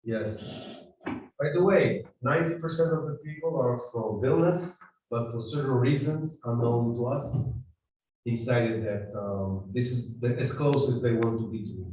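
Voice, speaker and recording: A man's voice: medium pitch, moderate pace, darkish tone. Man leading a seminar, teasing and chatty, far from the mic, very echoey dull room, faint hiss. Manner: chatty, teasing, many restarts. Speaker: seminar leader. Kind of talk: casual joking welcome to a class. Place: meeting room with a table.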